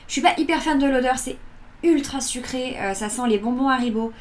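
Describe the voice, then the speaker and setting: A woman's voice: high voice, fairly quick. A woman in her early twenties chatting informally as she presents beauty products in a casual vlog review. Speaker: beauty box unboxing vlogger. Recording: electric fan noise in background. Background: whirring electric fan.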